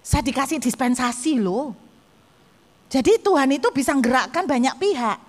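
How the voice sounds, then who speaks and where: A woman's voice: high-pitched, animated, moderate pace, in a large hall. A woman pastor, preaching a sermon and telling stories animatedly, speaking directly to the congregation.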